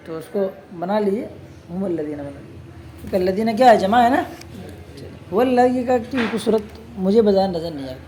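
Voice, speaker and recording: A man whose voice is high and somewhat dark in tone teaches the grammar of scripture in a religious studies class. Again and again he questions the students and answers for them, reading Arabic text slowly and mixing in casual teasing.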